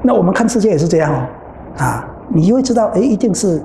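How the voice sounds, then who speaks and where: Lively Buddhist nun teaching in a roomy hall. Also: female voice, on the low side, fast. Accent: Taiwanese Mandarin. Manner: animated, acts out dialogue in her stories. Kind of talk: dharma talk. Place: temple hall. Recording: roomy hall with faint noise.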